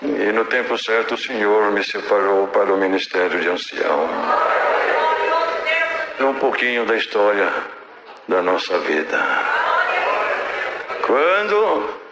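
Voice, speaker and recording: A man's voice: fairly low pitch, lively intonation, unhurried, long pauses, reverberant, heavy background noise. An older man with a Brazilian Portuguese accent, a church elder telling a personal religious testimony in an earnest storytelling manner. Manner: earnest, storytelling, drops soft in prayer.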